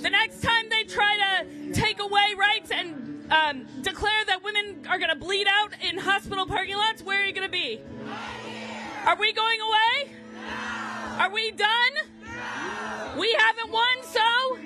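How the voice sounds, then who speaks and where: A woman's voice: very high-pitched, unhurried. A woman hosting an outdoor rally in a rousing speech style, leading call-and-response chants with informal asides. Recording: live rally, crowd and music behind.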